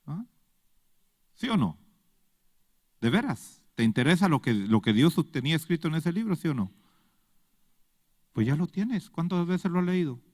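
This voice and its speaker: Male preacher, high animated voice, emphatic, quizzes the congregation; long church reverb. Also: normal speed, long pauses, clean studio sound. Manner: emphatic, rhetorical questions to the congregation. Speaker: pastor. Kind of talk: sermon.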